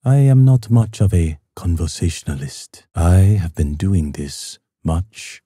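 A man voicing a stoic, honorable samurai swordsman in a video game, speaking formally, with measured, solemn courtesy. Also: sits low, dark tone, slightly rough, dry recording, studio quality. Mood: solemn, courteous. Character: stoic, honorable time-lost samurai swordsman, polite and grave. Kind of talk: video game character voice lines.

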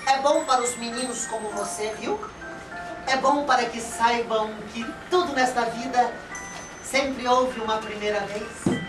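A woman playing a kindly old storyteller who tells children a tale in a slow, tender, folksy way on stage. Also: on the high side, fairly even intonation, close to an everyday voice. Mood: tender, nostalgic. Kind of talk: theatrical storytelling. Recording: echoey theatre, distant mic, music behind.

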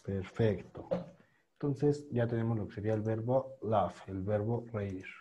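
A man teaching an online pronunciation class over a video call mic, patiently repeating words slowly for students to copy. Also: medium pitch, mellow, slight background noise. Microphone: computer microphone on a video call.

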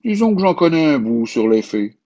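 A man's voice: a little high, very animated, normal speed, mellow, lo-fi sound, voice pushed up. Man playing a jolly, bearded old shopkeeper. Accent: Quebec French. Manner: hearty, teasing.

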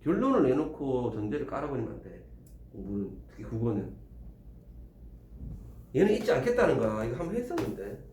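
A man teaching a classroom lesson, animated and teasing as he quizzes students. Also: medium pitch, a little fast, pauses often, a little hiss or hum. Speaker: Korean language tutor. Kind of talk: classroom lecture. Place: small classroom. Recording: roomy classroom, faint ambience.

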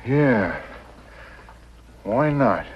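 A middle-aged man playing a scheming, bitter outlaw boss in a 1950s TV western, speaking with sardonic, deliberate intensity. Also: medium pitch, animated. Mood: calculating. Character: scheming, bitter outlaw boss posing as mild telegraph operator. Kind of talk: 1950s television western acting. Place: small wooden cabin set, indoors. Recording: muffled, noisy old 1950s TV soundtrack.

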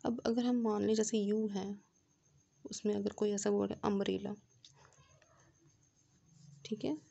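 A woman teaching an English grammar class, explaining the rules step by step and checking understanding with questions, reading each English example out slowly. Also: medium pitch, little pitch movement, gravelly, dark tone, dull audio.

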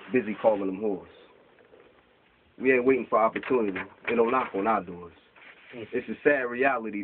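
At an open mic in a small bookstore, a man in his forties with a fairly low, slightly rough voice reads his rhyming spoken word poems from papers. His delivery is rhythmic and he gestures as he recites. A camera across the room picks him up, giving tinny lo-fi audio.

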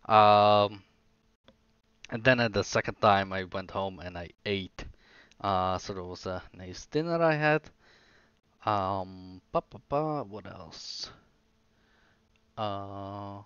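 A man's voice: fairly low pitch, a bit bright, clear, resonant tone, no echo, dull audio. A sleepy young man who is losing his voice, chatting casually on a live stream, rambling and hesitant with many fillers and restarts.

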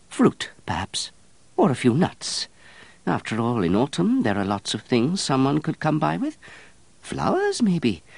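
A man's voice: a little high, gravelly, no echo, pitched above the performer's own voice, full character voice. A man voicing an easygoing, fussy middle-aged monk who complains in a peevish, rising voice. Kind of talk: audiobook character voice.

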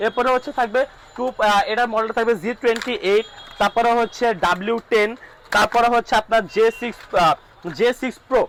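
A man's voice: extremely high pitch, steady tone, a little fast, fairly bright tone, a little hiss or hum, poor audio. A man with a Bangladeshi Bengali accent works as a drone shop salesman, running through prices in repetitive sales patter and checking in with "all right?". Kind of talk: rapid-fire price rundown.

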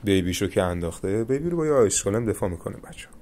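A young man with a fairly low voice talks viewers through a mobile card battle game, calm and instructive as he explains each play. A faint hiss of noise sits under the recording. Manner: coaching viewers, calm reassurance. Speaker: gaming channel host. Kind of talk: live gameplay commentary with tips.

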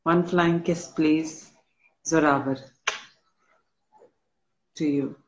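A woman hosting a casual live stream, reading fan comments aloud and answering slowly while a little unwell. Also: low-pitched, slight background noise. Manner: slow, relaxed, answers comments one by one. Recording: dull lo-fi stream audio.

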